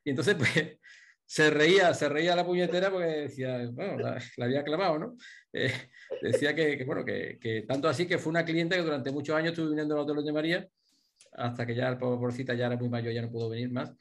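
A middle-aged man from Spain, a hotel director telling jokey anecdotes in a relaxed interview, with many restarts. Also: on the high side, fast. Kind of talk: casual interview, storytelling.

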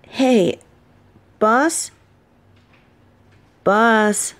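A woman's voice: on the high side, extremely slow. A woman playing a polite, obliging office assistant in an audio role-play, with a deferential, helpful manner.

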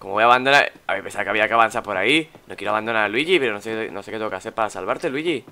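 A young Spanish gaming YouTuber gives let's play commentary, chatty and exclaiming, muttering while he searches. His rather low voice is rapid-fire, gravelly, and forceful, bright yet clean in tone.

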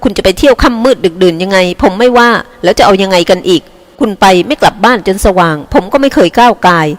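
A woman reading an audiobook, voicing a young male army officer who answers his wife in a calm, curt, patronizing way, with long hall reverb. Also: mid-range voice, quick pace, close to an everyday voice.

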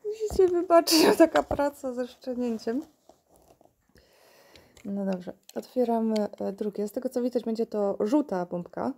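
A woman's voice: fairly high pitch, measured pace, gravelly, dark tone, a little hiss or hum. A woman unboxing toys at home in casual chat, recorded on a tablet, often laughing and talking to her puppy. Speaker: unboxing vlogger.

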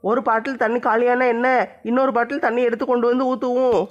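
A woman's voice: fairly high pitch, flat delivery, fast talker, lo-fi sound, background noise, pitched below the performer's own voice, natural voice. A woman plays a scheming young daughter-in-law who grumbles about her mother-in-law. She chatters like a mock cooking-show host. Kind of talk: comedy skit.

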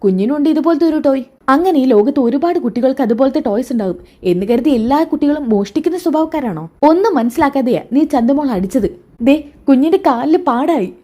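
Brief: woman reading a firm, reproachful young heroine in a serial recap, raised slightly, slower lines. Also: sits high, expressive, dark tone. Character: protective young woman defending a child.

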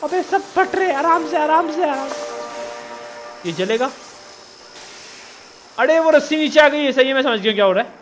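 A man's voice: extremely high pitch, animated, moderate pace, pauses often, a bit bright, soft background music. A man giving casual let's-play commentary, teasing and scolding the character he controls. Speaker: gamer.

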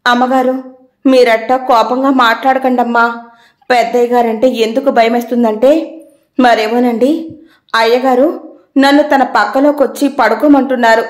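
A woman's voice: fairly high pitch, flat delivery, normal speed, pauses often, roomy sound, natural voice. A woman voicing a timid young servant girl. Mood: pleading. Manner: pleading, deferential.

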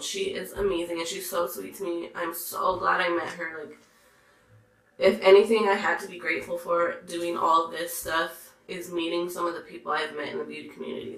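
A hoarse, congested woman talking in a chatty, gushing way, reviewing makeup. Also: lowish voice, a bit bright, echoey room, poor audio. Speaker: beauty vlogger. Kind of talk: casual makeup review chat.

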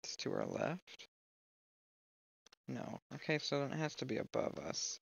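A man's voice: medium pitch, huge pitch swings, unhurried, gravelly, a little hiss or hum. A man playing a horror game, talking to himself and reading notes aloud with jumpy reactions, on a close mic. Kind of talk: let's play commentary. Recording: dry, slightly muffled lo-fi mic.

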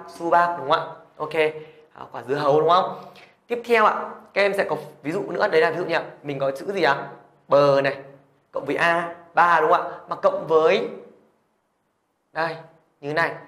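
A man's voice: fairly high pitch, fairly bright tone, roomy sound. A man teaching a language lesson, patiently repeating questions to check that students follow. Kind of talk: classroom lesson explanation.

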